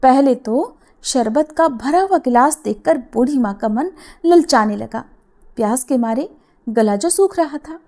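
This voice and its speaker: A woman narrating a devotional story in a gentle, expressive storytelling manner, voicing the quoted lines herself. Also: sits high, a little slow.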